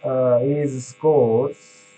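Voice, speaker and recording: A man's voice: medium pitch, little pitch movement, extremely slow, warm tone, slight background noise, poor audio. A man giving a classroom lecture on pharmacy, explaining step by step with many fillers and restarts, checking in with "right?".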